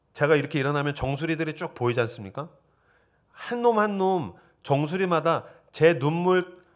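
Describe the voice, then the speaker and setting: A middle-aged male pastor tells stories from the pulpit of a church. His pitch rises and falls a great deal as he acts out his own lines and his students' lines. He goes from bursts of excitement to hushed, mumbled asides. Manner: animated, quotes himself and students in lively dialogue; drops to a low murmur for quoted lines. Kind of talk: sermon storytelling at a teachers' seminar. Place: church sanctuary.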